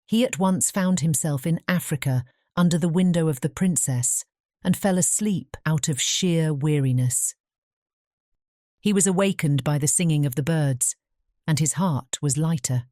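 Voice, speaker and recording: In a notably low register, a woman narrates a scripted fairy-tale audiobook, her tone mellow and rounded. She reads at a normal speed, and the dry, close recording carries no audible room sound.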